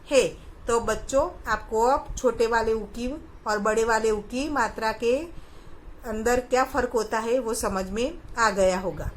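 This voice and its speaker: A woman from India teaching young children, patiently asking questions and repeating each answer. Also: a little high. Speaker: primary school teacher. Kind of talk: recorded online class lesson.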